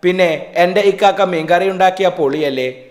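A man's voice: high-pitched, moderate pace, lightly acted. A man voicing a playful, teasing teenage younger sister in a read-aloud story, in an echoey room. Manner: teasing, plain reading.

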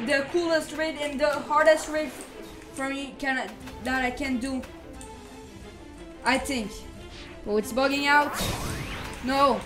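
A female gamer giving excited live gameplay commentary, repeating exclamations and casual slang like bro. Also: high voice. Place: voice-over on screen-recorded gameplay, game music behind.

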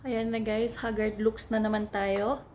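In her home kitchen, a young cooking vlogger with a Filipino accent walks viewers through a recipe on a phone camera, chatty and instructive, calling them "guys." Her medium-pitched voice is darkish and fairly flat in pitch, at a normal speed, with slight background noise.

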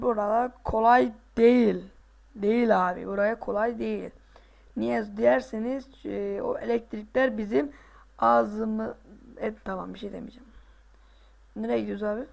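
A male gaming host giving casual let's play commentary, excitable, groaning and boasting to himself as he plays. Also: sits high, creaky.

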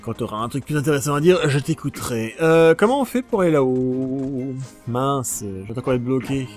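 A man giving casual, jokey commentary on a video game while playing, shouting during fights. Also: mid-range voice, expressive, normal speed, faint music behind. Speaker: let's play gamer.

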